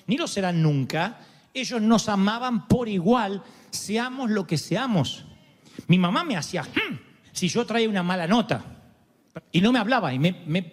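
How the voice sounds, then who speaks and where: An Argentine man preaches with a high, very expressive voice that climbs and dips as he jokes through stories. His sermon rings out in a large, echoing hall. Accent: Argentine Spanish. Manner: animated, joking storytelling preacher. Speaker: pastor.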